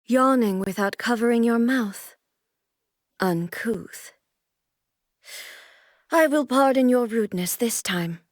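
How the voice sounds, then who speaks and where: Game role: imperious immortal female shogun, formal and stately, fairly high voice, dry close recording. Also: no echo. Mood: stern, composed. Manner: formal, stately, measured, archaic diction. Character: regal, aloof immortal female shogun commanding thunder. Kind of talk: scripted video game character voice lines.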